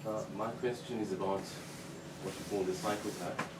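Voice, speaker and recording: A man in the audience asks a measured, somewhat hesitant question. His voice is very deep and heard from far off. Loud room noise and a strong echo surround him. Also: fairly even intonation. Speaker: audience member. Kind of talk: question from the floor.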